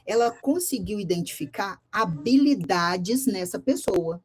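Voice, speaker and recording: A woman with a Brazilian Portuguese accent teaching a class, telling a story and questioning her students in a lively, direct way. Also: medium pitch, a little slow.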